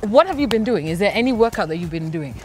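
A woman's voice: medium pitch, expressive, quick pace, darkish tone. A woman in her thirties, a show host, giving upbeat fitness tips while walking outdoors on a suburban street. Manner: upbeat, instructive, laughs easily. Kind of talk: coaching chat while walking.

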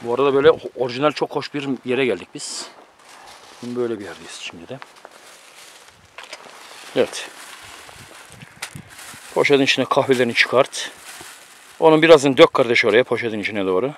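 A man's voice: medium pitch, lively intonation, a little fast, pauses often, slight background noise. A man cooking outdoors on a mountain, giving teasing, bossy instructions to a friend in casual chat, recorded on a camera mic. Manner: bossy, teasing running commentary.

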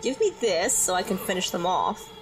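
A woman giving casual let's-play commentary while she plays, muttering to herself with quick frustrated outbursts. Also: lowish voice, animated, poor audio. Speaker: gaming YouTuber. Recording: game music behind her voice. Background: game music.

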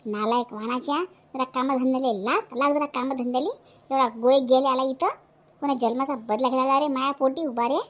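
A woman's voice: sits high, steady tone, a little fast, natural voice. A woman with a Vidarbha Marathi accent voicing a fierce, scolding widowed village mother in a cartoon. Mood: furious scolding. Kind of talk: cartoon voice acting.

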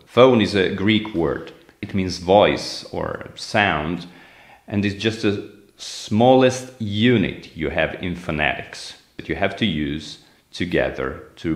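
Slow, deep-voiced man teaching phonetics. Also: roomy sound. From Italy. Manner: explains slowly, demonstrating sounds with repeated words. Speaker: language teacher. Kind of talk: phonetics lesson.

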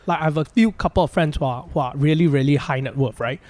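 A man's voice: on the high side, fast talker, a little mellow. A man in his thirties with a Malaysian accent, explaining things casually and practically as a financial planner on a podcast. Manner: practical, plain-spoken.

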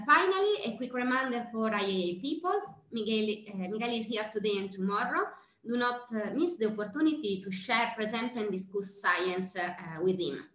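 A woman's voice: medium pitch, fairly bright tone. A woman in her thirties with an Italian accent, introducing a speaker at a seminar, hesitant and full of fillers and restarts. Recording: roomy echo.

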